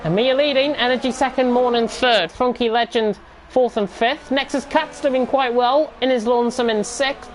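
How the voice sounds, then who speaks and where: High-voiced woman commentating live motorsport. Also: normal speed, faint music behind. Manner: exclamatory, repeats phrases for emphasis. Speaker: motorsport esports race commentator.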